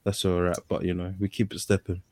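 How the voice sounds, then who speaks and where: A man's voice: sits low, monotone, fast talker, darkish tone, dry recording. A man with a London accent chatting casually and slangily about football as an opinionated fan, repeating phrases for emphasis. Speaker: football fan panellist on a podcast.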